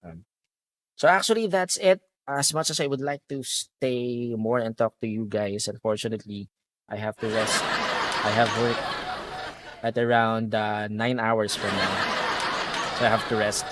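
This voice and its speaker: A man's voice: lowish voice, steady tone, measured pace, background noise. A young man with a Filipino accent, chatting casually on a live stream and reading out viewer comments. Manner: chatty, reads viewer comments aloud, mixes in Tagalog. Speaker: game streamer.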